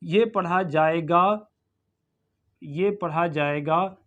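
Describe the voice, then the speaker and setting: Slow, high-voiced man drilling pronunciation. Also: fairly bright tone, dull audio. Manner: drills words slowly, repeating them many times. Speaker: English pronunciation teacher. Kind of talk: Hindi-English pronunciation lesson.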